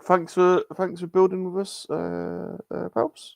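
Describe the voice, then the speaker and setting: A man's voice: high voice, completely flat delivery, unhurried, vocal fry, darkish tone, no room sound. A British man hosting a casual live-stream chat, chatty and laughing often. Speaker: host.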